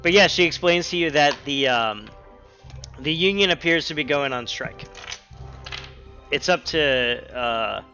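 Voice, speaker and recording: A man's voice: a little high, lively intonation, a little slow, long pauses, bright, forceful tone, lo-fi sound, faint music behind. A man running a tabletop game as game master, narrating casually with lots of ums and likes over an online call. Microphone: online call mic.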